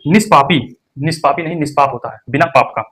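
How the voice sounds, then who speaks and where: A young man teaching an exam-prep Hindi lesson. He stresses each word and then repeats it slowly. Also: fairly high pitch, a bit bright, breathy edge.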